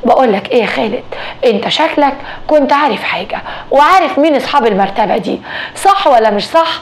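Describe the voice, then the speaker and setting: A woman's voice: high-pitched, animated, fast talker. A woman voicing an anxious, easily alarmed Egyptian housewife in a told story, speaking in an agitated, exclaiming way. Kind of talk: storytelling dialogue.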